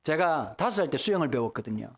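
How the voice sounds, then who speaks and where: A man from Busan, a guest pastor preaching a revival sermon in an emphatic, humorous way, with sudden shouts when he acts out prayers. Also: a little high, big pitch swings, fast talker, husky. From Busan, South Korea.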